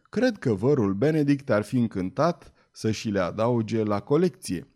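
A man's voice: fairly low pitch, sing-song, darkish tone. A man reading an audiobook, voicing a refined woman, the ship owner's wife, in a raised, curious tone.

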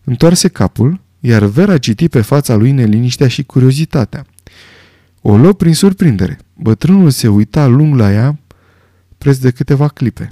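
Reading scripted novel narration, a male audiobook narrator tells the story in a measured, expressive way. He has a mid-range voice, captured with clean studio sound and no room ambience.

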